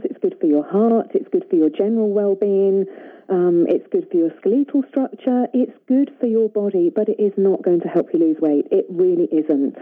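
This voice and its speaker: A woman's voice: mid-range voice, breathy edge. A British woman, a nutritionist, speaking assuredly as a guest on a radio phone-in. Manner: brisk, assured, plain-spoken. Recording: tinny phone line.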